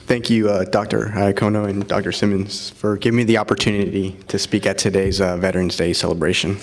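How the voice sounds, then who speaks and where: A man's voice: lowish voice, level tone, fairly quick, a little hiss or hum. A man in his thirties from Florida, an army officer giving an earnest ceremonial keynote speech with frequent fillers.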